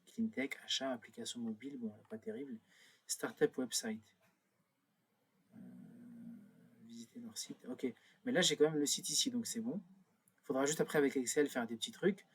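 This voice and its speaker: A man's voice: mid-range voice, lively intonation, moderate pace, slight background noise. A man thinking aloud through a screen-recorded tutorial, with many fillers and self-corrections as he clicks. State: a bit nervous. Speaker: instructor.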